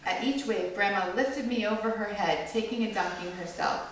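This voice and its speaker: A storyteller reads a picture book to listening children, animatedly acting out the quoted lines in a mid-range voice at a moderate pace. The distant mic catches a very echoey indoor room and faint noise.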